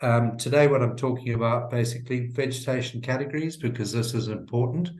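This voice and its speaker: A man from Zimbabwe who works for a government vegetation unit presents in a webinar, halting with very frequent uhs. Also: medium pitch, a little mellow, echoey room.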